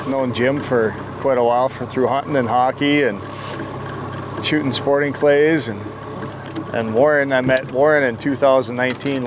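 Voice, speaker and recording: A man chats casually in an Upper Michigan Yooper accent. He is recorded outdoors on a boat, with clear engine noise around his mid-pitched voice. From Upper Peninsula of Michigan, United States. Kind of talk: casual chat.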